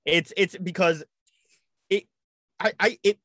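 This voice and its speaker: Bright-toned rambling man. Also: sits high, slow pace, no echo. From United States. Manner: rambling, stumbling over words. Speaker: podcast guest. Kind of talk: casual chat.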